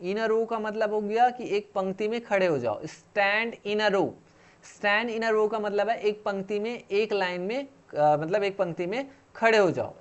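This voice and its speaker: A man teaching classroom English phrases, saying each phrase slowly and then explaining it in Hindi. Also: high-pitched, muffled recording. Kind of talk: spoken English lesson.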